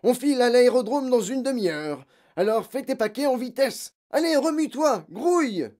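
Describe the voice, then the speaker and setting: Narrator shouting as a furious bullying father. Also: very high-pitched, expressive, normal speed, pitched above the performer's own voice. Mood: shouting angrily. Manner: shouting, barking orders. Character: angry bullying father, adult man. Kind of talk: audiobook character voice.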